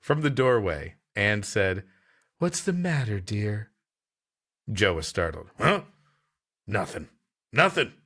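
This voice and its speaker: A podcast co-host reads a story aloud, mixing in casual banter and dry, wry jokes along the way. His fairly low, fairly bright voice has a sing-song lilt, moving slowly with long pauses.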